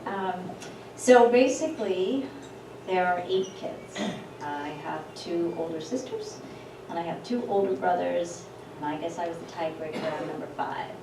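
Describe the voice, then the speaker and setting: A middle-aged woman giving a personal memorial speech about her father, with gentle humor. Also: on the low side, unhurried, gravelly. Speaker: eulogy speaker, daughter of the deceased. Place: event hall. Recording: echoey hall from far off, noisy.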